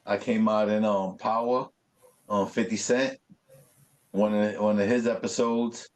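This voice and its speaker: Low-voiced New man telling graffiti stories. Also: a little slow. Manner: animated, swearing, street slang. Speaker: graffiti artist guest. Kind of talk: casual interview storytelling.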